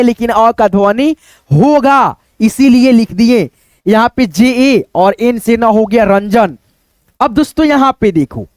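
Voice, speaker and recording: High-pitched man teaching, dry close sound. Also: darkish tone, no room sound. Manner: repetitive, explanatory, often asks and answers himself; addresses viewers as friends, drawn-out words. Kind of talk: classroom-style lesson.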